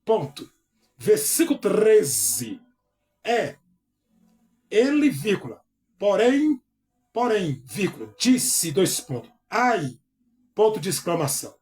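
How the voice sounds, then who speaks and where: A man's voice: sits high, sing-song, slow, pauses often, darkish tone. A male pastor teaching a Bible lesson who reads verses aloud, calls out each punctuation mark, and repeats phrases to explain them. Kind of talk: bible study sermon.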